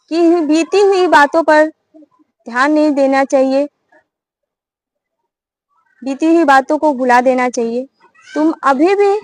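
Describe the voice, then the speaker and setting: A woman's voice: high voice, dry recording, low-quality recording. A woman voicing a clever old bird that mocks and lectures a hunter, in a preachy, scolding tone. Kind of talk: storytelling.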